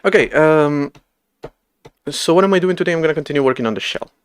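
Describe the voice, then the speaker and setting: A man's voice: fairly high pitch, lively intonation, quick pace, clear, resonant tone. A man in his late twenties chatting casually on a coding livestream from a room at home, rambling and self-deprecating with frequent laughs. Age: late 20s. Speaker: livestreamer coding an operating system.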